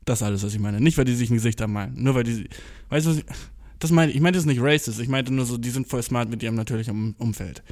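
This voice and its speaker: A man's voice: mid-range voice, fast. Slangy, swearing young man telling a story. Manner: slangy, swears a lot, mixes English words; self-mocking, excitable, stumbles over words. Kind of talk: casual storytelling monologue.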